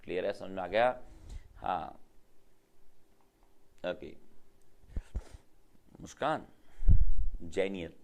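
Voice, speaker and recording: Middle-aged male teacher, deep low voice, repetitive drill-style vocabulary lesson. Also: animated, gravelly. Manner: repetitive, drills words with quick questions.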